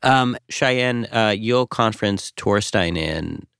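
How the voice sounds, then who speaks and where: A man hosting a show in casual chat, talking in a dry, halting, wry way. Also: on the low side, lively intonation, vocal fry, fairly bright tone, clear, resonant tone, dry recording. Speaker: host. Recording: dry studio sound.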